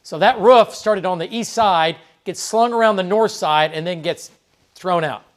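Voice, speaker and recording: A man's voice: high-pitched, normal speed. A TV meteorologist, a man, giving live severe weather coverage in a conversational way, talking through the radar with frequent fillers. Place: TV weather studio.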